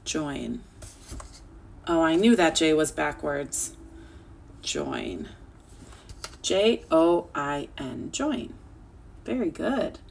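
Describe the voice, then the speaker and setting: Young woman teacher for a kids' phonics class, slow and deliberate, stretches out each sound, lowish gravelly voice. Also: lively intonation, a little mellow. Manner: slow, clear sounding-out of words. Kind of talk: online phonics lesson for children.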